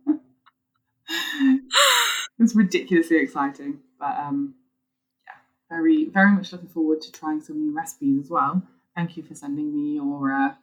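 Croaky, low-voiced British woman in her twenties. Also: low-quality recording. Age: 20s. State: croaky from being ill. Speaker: podcast co-host. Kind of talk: casual chat.

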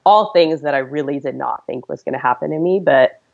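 A woman in her thirties with a low, gravelly voice shares her story with a podcast host as a guest. She speaks briskly, earnestly and chattily, laughing easily. The recording sounds slightly dull and lo-fi.

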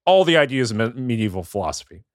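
A man co-hosting a podcast, chatting casually about a book, rambling with many fillers and quick laughs. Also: medium pitch, very animated, no echo, clean studio sound. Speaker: podcast co-host.

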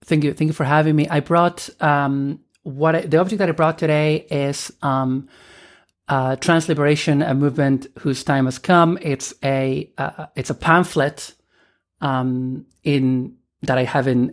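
An Argentine woman in her thirties speaks in a rumbling low voice with a steady, unhurried tone. She's a podcast guest in a casual interview, talking hesitantly with lots of fillers and restarts.

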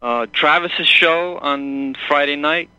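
A man's voice: fairly high pitch, pushed and bright, smooth, no room sound. A man calling in over the phone. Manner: rambling and halting, searching for words. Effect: heard over the phone. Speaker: caller. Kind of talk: call-in radio talk. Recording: dull phone-line sound.

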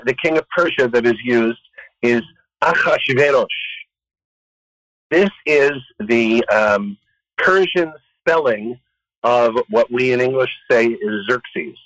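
Male guest storyteller, lively swooping voice, dry close sound, jokey. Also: medium pitch, dry recording, low-quality recording. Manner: wisecracking, expressive, swings up and down. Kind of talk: animated storytelling.

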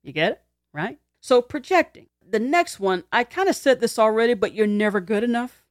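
A woman's voice: on the high side, animated, normal speed, no echo, studio quality. A woman who teaches, talking through ideas conversationally, acting out quoted lines and laughing in her asides. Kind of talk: explanatory talk to camera.

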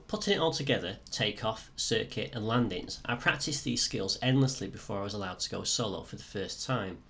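A man with a slightly croaky, sore-throat voice, presenting a podcast as scripted first-person storytelling. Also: fairly low pitch, fairly bright tone. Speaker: podcast host and student pilot.

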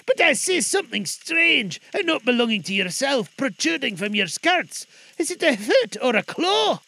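Anxious old miser, high and cracking, put on by a man reading aloud. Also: sing-song, moderate pace, gravelly, pushed and bright, exaggerated voice. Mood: uneasy.

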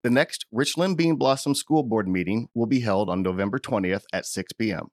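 A man's voice: fairly low pitch, moderate pace, darkish tone, dry recording, clean studio sound. A man narrating a scripted local news report as a reporter.

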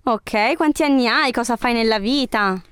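Chatty high-voiced woman interviewer, clear tone. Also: moderate pace, a bit bright, dry recording, clean studio sound. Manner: chatty, encouraging. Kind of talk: casual conversational interview.

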